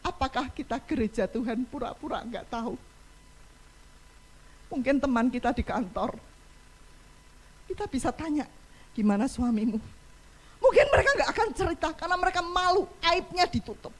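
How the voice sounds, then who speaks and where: High-voiced woman preaching with passion. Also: animated, normal speed, long pauses. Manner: impassioned, acts out cries for help. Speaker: pastor. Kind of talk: sermon. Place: church.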